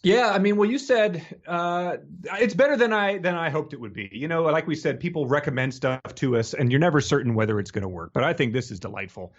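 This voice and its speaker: A podcast co-host chats casually about books, joking and rambling. His voice sits slightly high and moves a bit quickly with few pauses. The audio is lo-fi and a little dull.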